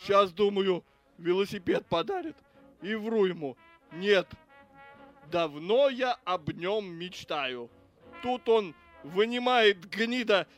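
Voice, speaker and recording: High-voiced and crude, this is a foul-mouthed cop, read by a man who rants and swears without pause. Faint music plays beneath the audiobook reading. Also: a bit bright, exaggerated voice. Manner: crude, ranting, cursing. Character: foul-mouthed grudging adult male cop.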